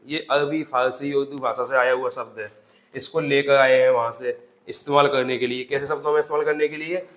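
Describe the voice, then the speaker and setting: A man's voice: a little high, fairly bright tone. A man teaching Hindi grammar for an exam-prep class. He asks the class questions, answers them himself and drills each term by repeating it. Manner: calls the students "bhai", drills terms by repetition. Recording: echoey room.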